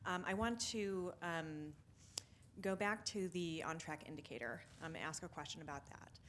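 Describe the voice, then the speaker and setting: Low-voiced woman asking a hesitant question. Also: normal speed, a little hiss or hum. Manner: hesitant, many ums, laughing softly. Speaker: audience member asking a question. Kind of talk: question from the floor.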